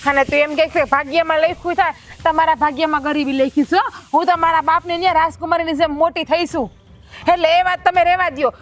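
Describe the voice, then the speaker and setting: A sharp-tongued scolding wife. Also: female voice, extremely high pitch. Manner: taunting, scolding, mocking her husband. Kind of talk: village family drama.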